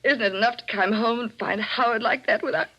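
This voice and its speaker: In a muffled, noisy old radio drama recording, an actress plays a proud, frightened married woman in a vintage thriller. Her voice sits on the high side and moves a little fast, with a bright, forceful tone and refined, theatrical diction. She sounds shaken and pleading.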